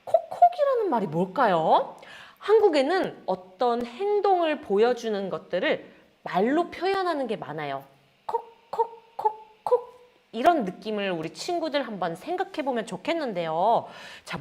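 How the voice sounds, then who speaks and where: A woman teaches a Korean class with a lively, swooping delivery. Her voice sits fairly high, and she acts out each feeling with playful sound words while chatting warmly to her students as friends. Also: normal speed. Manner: addresses students as friends, frequent "자". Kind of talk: lively online Korean lesson.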